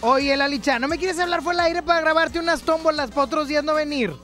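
A man's voice: very high-pitched, fast, music in the background. A man hosting a casual radio call-in show, playful and joking with callers. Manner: playful, joking, laughs often. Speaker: radio host taking call-ins.

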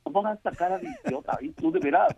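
A man puts on a furious wife with a shrill, leaping voice. She spits insults at her husband, over a thin phone-like line. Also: wildly swooping pitch, quick pace, creaky, a little mellow, soft background music, full character voice. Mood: scolding. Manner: insulting, screeching.

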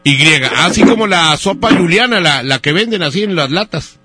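A man's voice: fairly high pitch, expressive, normal speed, bright, forceful tone, faint music behind. A man who hosts a radio show, making a prank phone call and playing a hesitant customer, full of fillers and teasing jokes. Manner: teasing and joking. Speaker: radio host.

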